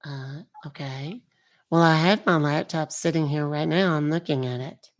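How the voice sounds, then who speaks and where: A man putting on a confused, apologetic elderly woman who talks slowly and calls people dear. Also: on the high side, pitched above the performer's own voice, natural voice. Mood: polite confused. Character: polite, confused elderly woman phoning for a refund. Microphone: phone call.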